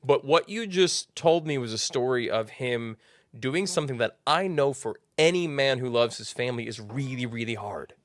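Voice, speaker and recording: A man's voice: mid-range voice, moderate pace, no room sound. A man hosting a podcast interview, enthusiastic and effusive in his praise. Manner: enthusiastic and effusive, animated emphasis. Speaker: podcast host. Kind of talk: faith-based podcast interview.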